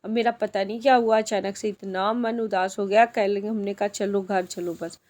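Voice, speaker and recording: A woman's voice: mid-range voice, level tone, moderate pace, darkish tone. A woman vlogger narrating her outing in a chatty way, often speaking straight to her viewers. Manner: chatty, addresses viewers as friends. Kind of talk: casual vlog narration.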